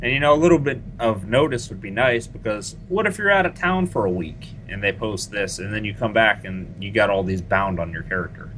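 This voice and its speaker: A man hosting a casual gaming podcast, talking in an animated, complaining way and laughing easily. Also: lowish voice, a little fast, hardly any pauses, a little hiss or hum, poor audio. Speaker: podcast host.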